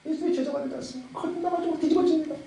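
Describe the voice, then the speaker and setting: A man's voice: very high voice, fairly even intonation, rapid-fire, vocal fry, warm tone. A man preaching a sermon as pastor, emphatic, firing off rhetorical questions and repeating his phrases. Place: church sanctuary. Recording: very echoey church hall, from far off.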